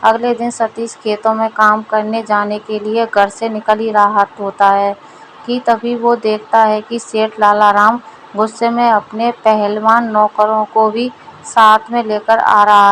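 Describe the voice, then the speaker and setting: A woman narrating a moral storybook in an even, steady reading style. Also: mid-range voice, unhurried, a little hiss or hum, low-quality recording.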